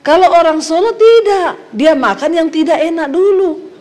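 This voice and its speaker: A middle-aged woman pastor from Sulawesi preaches with a high voice. She tells comic stories to a congregation, acting out the quotes and laughing often. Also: expressive, moderate pace, darkish tone. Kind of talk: humorous sermon.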